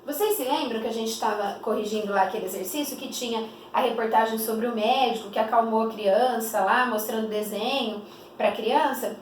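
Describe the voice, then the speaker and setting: A woman with a high voice gives a grammar lesson, pausing often to quiz her students with questions. She draws out the example phrases slowly so they sink in. The recording is roomy and echoey, with her voice a bit distant from the mic and faint background hiss. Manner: didactic, stretches example phrases slowly, many rhetorical questions. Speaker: teacher. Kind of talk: explanatory classroom lesson.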